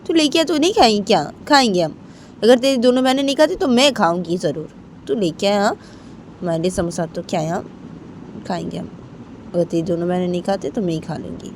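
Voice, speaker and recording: A woman's voice: lively intonation, fairly quick, a little hiss or hum, natural voice. A woman voicing a worried middle-aged mother who pleads with her child. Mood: coaxing. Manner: pleading, higher and louder than the narration.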